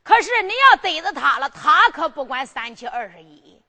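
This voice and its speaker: A woman storyteller performing a traditional ballad, singing drawn-out phrases between spoken narration. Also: sits high, sing-song, pushed and bright. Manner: drawn-out sung phrases with exclamations.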